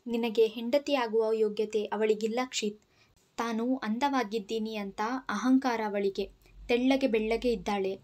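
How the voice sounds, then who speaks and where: A woman's voice: fairly high pitch, steady tone, moderate pace, warm tone, lightly acted. A woman voicing a scheming, spiteful young woman in an audio story, talking in a gushing then catty way.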